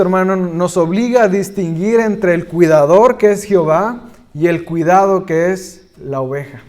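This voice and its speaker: A man preaching a sermon, stressing key words with rising force and then dropping his voice low and soft. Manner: slow, deliberate preaching that rises in emphasis and drops to a hush. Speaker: pastor.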